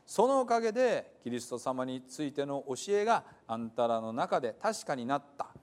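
A man's voice: mid-range voice, sing-song, moderate pace. A man reading scripture aloud in a Hiroshima dialect, earnest and emphatic.

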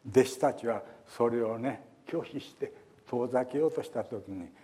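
Older man, pastor, folksy sermon, warm mellow voice. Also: medium pitch, normal speed. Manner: folksy, chatty, acts out quotes.

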